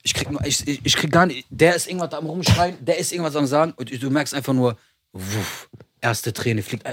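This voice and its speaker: A man's voice: a little high, brisk, slight background noise. Young man telling a rambling story. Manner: rambling, animated, acts out quoted voices. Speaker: podcast co-host. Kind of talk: casual storytelling chat.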